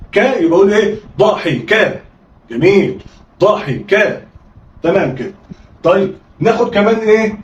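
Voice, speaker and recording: An Egyptian man with a high voice teaches a children's reading lesson, sounding out syllables and nudging his pupils along with quick prompts. He sounds a little distant in a roomy space, and the audio is slightly dull. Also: a little hiss or hum. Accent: Egyptian Arabic. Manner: coaxing, call-and-response drilling with frequent "ha?" prompts.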